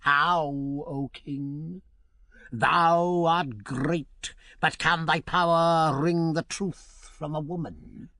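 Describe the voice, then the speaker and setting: A man's voice: very slow, creaky, bright, forceful tone, no echo, full character voice. A man voicing an ancient, wicked old witch who shrieks and cackles in a storybook reading. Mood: mocking. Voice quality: shrill and cackling.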